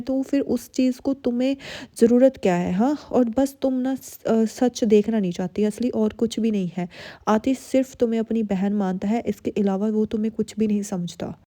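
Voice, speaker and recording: Woman reading as a strict middle-aged mother, firm, scolding, mellow low-toned voice, drama recap. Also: moderate pace, close to an everyday voice. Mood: stern.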